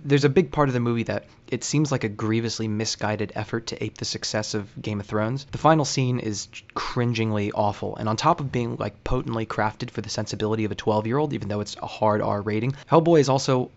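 Dry, wry low-voiced male host. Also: fairly quick, few pauses, lo-fi sound. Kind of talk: scripted narration.

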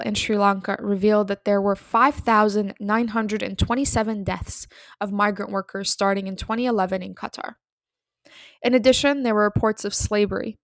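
A woman's voice: medium pitch, no echo. A woman hosting a podcast, reading scripted introductions and narration. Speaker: podcast host.

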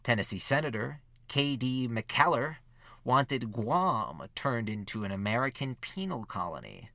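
A man giving scripted narration for a history podcast, measured and steady, reading quotes with lifted emphasis. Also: medium pitch, gravelly, no echo.

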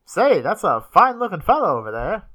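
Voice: mid-range voice, very animated, fairly quick, a bit bright, voice pushed up. A podcast host putting on a hammy old-timey radio announcer voice with exaggerated, sing-song delivery. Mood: showy.

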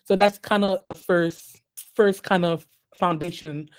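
Speaking as a podcast guest, a Haitian-born artist raised in the US talks in a high, steady, clear voice with a resonant tone. He's measured but frequently says um and starts sentences over.

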